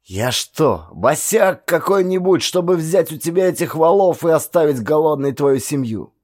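A man voicing a stern, proud older male householder who talks in a gruff, scornful and commanding way in a storybook reading. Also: medium pitch, a little slow, lightly acted. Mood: indignant.

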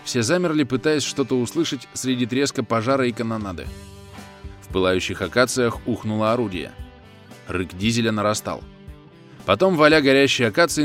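A man narrating a first-person war novel as an audiobook reader, in a steady, even manner. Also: medium pitch, a little fast, soft background music.

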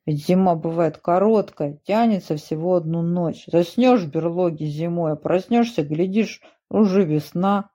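A woman's voice: fairly low pitch, moderate pace, hardly any pauses, warm tone, natural voice. A woman voicing a grumbling, sleepy bear who shrugs off winter. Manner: grumbling, unbothered. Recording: muffled dull recording.

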